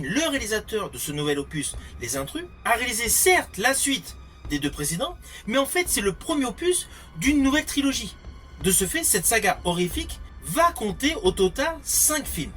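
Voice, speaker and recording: A man's voice: high voice, big pitch swings, normal speed, sharp tone, soft background music. A man giving a scripted film review, explaining things with emphatic phrasing. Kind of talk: scripted movie review narration.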